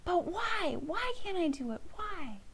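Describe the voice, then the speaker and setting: A woman's voice: big pitch swings, measured pace, fairly bright tone, a little hiss or hum, heavily acted. A woman voicing a whiny young boy who keeps pleading and asking why. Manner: repeats why, high and insistent.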